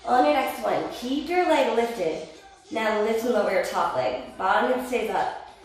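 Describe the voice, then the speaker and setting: A woman Pilates instructor cueing a workout and counting reps, encouraging and a little winded as she exercises along. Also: fairly high pitch. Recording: roomy echo, distant mic, faint music.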